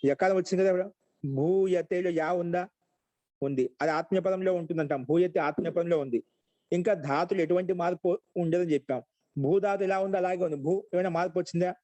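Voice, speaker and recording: A man teaching Sanskrit grammar in an online class, repeating each rule slowly so students can write it down. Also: high-pitched, mellow, no room sound, poor audio. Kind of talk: dictation-paced online lesson.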